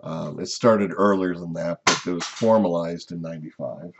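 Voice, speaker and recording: A man teaching a recorded slide lecture, explaining step by step in an unhurried way with frequent "uh" and "um" fillers. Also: low-pitched, heavy background noise. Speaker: instructor.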